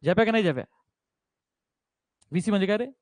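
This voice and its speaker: Energetic high-voiced male physics teacher. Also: fast, no room sound. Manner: energetic, coaxing, keeps checking students understand. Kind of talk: classroom physics lesson. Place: classroom with students.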